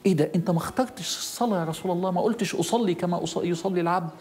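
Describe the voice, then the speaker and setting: A man's voice: sits high, very fast, a little mellow. A middle-aged man with an Egyptian Arabic accent, preaching a sermon in an emphatic way, repeating key phrases and speaking straight to the listener.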